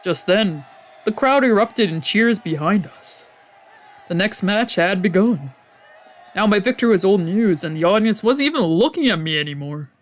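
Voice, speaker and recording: Streaming a visual novel, this man speaks at a moderate pace in a high-pitched, expressive voice. His informal let's play chat blends with read-aloud narration as he reacts, swears, trails off and self-corrects.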